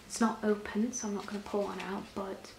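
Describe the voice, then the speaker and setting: A woman in an ASMR role-play as a personal shopper, soft-spoken and often breathy, explaining things gently and a little hesitantly. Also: mid-range voice, little pitch movement, fairly quick. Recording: roomy echo, clear background noise.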